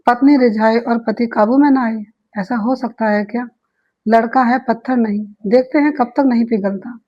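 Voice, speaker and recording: A woman's voice: a little high, moderate pace, lo-fi sound, close to an everyday voice. A woman voicing a bold, teasing young woman who coaxes her friend in a read-aloud story. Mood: doubtful. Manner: teasing, coaxing.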